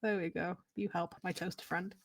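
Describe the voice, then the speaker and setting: A woman's voice: on the low side, steady tone, normal speed, vocal fry, heavy background noise. A woman playing in a tabletop role-playing game, casually thinking aloud with fillers and swearing. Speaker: player.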